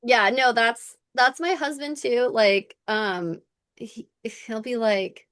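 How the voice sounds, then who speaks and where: A podcast co-host chats casually and animatedly through a TV episode recap, swearing freely and acting out the scenes. Her voice is a little high, slow and fairly bright, recorded with studio quality and no echo.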